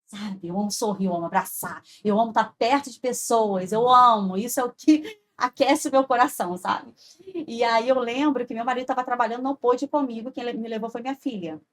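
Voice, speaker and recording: Lady telling her faith story, earnest, keeps saying sabe, higher voice. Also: a little fast. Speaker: podcast guest. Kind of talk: heartfelt personal testimony.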